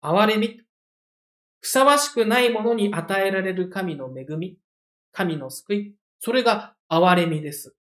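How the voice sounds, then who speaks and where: A preacher speaks in an even, mid-range voice, carefully explaining a scripture passage to a congregation. The delivery is measured and reflective, loosened now and then by casual, conversational asides. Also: medium pitch. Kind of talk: sermon.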